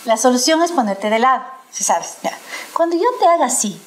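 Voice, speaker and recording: A middle-aged woman chatting casually on a panel, telling a story in a lively way and often laughing as she talks. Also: on the high side, brisk. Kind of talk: casual chat.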